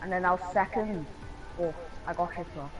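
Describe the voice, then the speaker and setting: A man's voice: high-pitched, normal speed. A man answering in short, mumbled bits over a voice call whose mic keeps crackling and cutting out. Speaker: sim racing driver interviewed after a race. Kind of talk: casual post-race voice chat. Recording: breaking-up voice chat with music behind.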